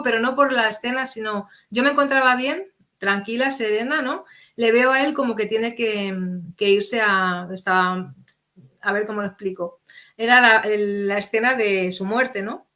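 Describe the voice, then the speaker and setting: A middle-aged woman appears as an interview guest, speaking in a mid-range voice at normal speed. She tells a personal story earnestly and with animation, acting out the quoted dialogue.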